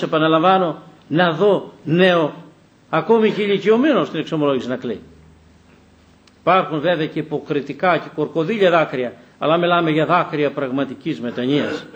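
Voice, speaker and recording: An older male bishop preaches with a fairly high voice. He tells stories from confession, acting out the dialogue, and he repeats key lines for emphasis. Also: expressive, lo-fi sound. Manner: storytelling, acts out quoted dialogue, emphatic repetitions. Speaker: Orthodox bishop. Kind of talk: sermon with anecdotes.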